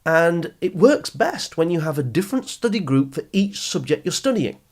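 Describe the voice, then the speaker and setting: This man's voice sits on the high side, with a sing-song lilt and a moderate pace. He hosts an educational podcast for teenagers and coaches them, talking directly to the listener in an encouraging, instructive and emphatic monologue meant to motivate.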